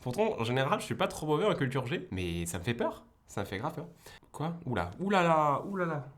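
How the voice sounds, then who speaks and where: A young man talks through a quiz in a casual vlog, his voice hoarse from a cold. He keeps mocking himself, swearing and exclaiming in fluster as he second-guesses his answers. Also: mid-range voice, wildly swooping pitch, brisk. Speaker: law teacher and YouTuber.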